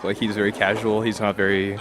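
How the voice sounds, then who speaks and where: A man's voice: lowish voice, flat delivery, brisk, fairly bright tone. A man speaking casually as an interviewee in a street interview. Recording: faint ambient noise.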